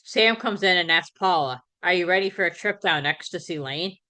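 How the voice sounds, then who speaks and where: A woman with a low-pitched but bright, crisp voice talks through a recap in a relaxed, conversational way. She stumbles and corrects herself now and then, with plenty of fillers. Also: moderate pace. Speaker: podcast host. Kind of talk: casual episode recap.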